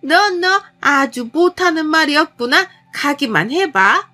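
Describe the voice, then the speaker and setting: A woman voicing a domineering older mother-in-law who berates her daughter-in-law with shrill contempt. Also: expressive, slow, sharp tone, faint music behind, heavily acted. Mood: scolding.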